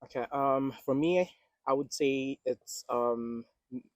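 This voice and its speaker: A man with a Kenyan accent, a doctoral student giving thoughtful, measured interview answers with many ums. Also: medium pitch, no echo, studio quality.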